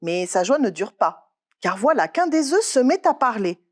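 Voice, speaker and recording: Brief: woman storyteller for kids, fairly high, very lively pitch, slow unhurried telling. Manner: expressive, slow, lively delivery. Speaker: librarian storyteller. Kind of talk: storybook reading for children.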